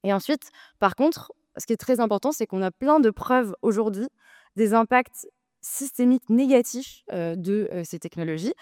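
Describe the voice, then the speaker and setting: A woman's voice: a little high, lively intonation, normal speed, darkish tone, dry recording, studio quality. A woman arguing in a debate, hesitant with many filler sounds but insistent. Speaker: debate speaker, co-president of a data nonprofit. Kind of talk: debate argument.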